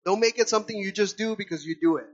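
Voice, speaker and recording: The recording is dull, and the preacher's voice is high-pitched and very fast. Speaking to the congregation during a church service, he calls them brothers and sisters, animatedly performing voices for both people and animals.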